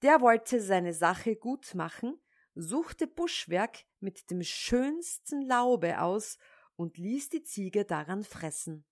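Slow-reading woman storyteller. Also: medium pitch, sing-song.

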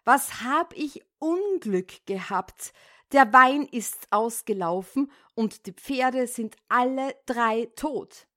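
A woman voicing a stubborn male carter in a fairy tale, wailing loudly. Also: fairly high pitch, expressive, takes it slowly, pitched above the performer's own voice. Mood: lamenting.

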